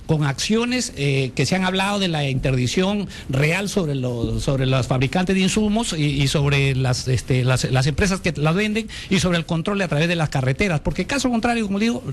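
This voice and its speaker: Guy on a radio talk show, fairly high voice, earnest, getting fired up. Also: expressive, normal speed, few pauses, slight background noise.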